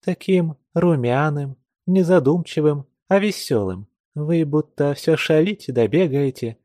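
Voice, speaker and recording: A male reader voicing a lively, naive young village girl who talks coyly and teasingly. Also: fairly high pitch, measured pace, dry recording, studio quality, voice pushed up. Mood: girlish, playful. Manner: playful, coy, teasing.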